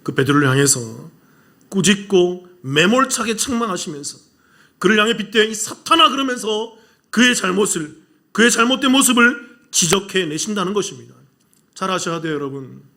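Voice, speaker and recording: A male pastor with a high-set voice delivers a sermon in a church. He keeps putting questions to his listeners. He moves between rising, emphatic exhortation and sudden hushed asides. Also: lively intonation, normal speed. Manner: asks the congregation rhetorical questions. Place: church sanctuary.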